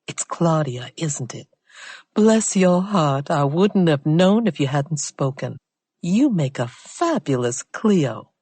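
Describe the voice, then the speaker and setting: A woman's voice: extremely low pitch, a little slow, hardly any pauses, a little mellow, breathy edge, dry recording, heavily acted. A woman reading an audiobook, voicing a showy society hostess with a lazy drawl. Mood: gushing. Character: grand socialite hostess, mock-regal then drawling.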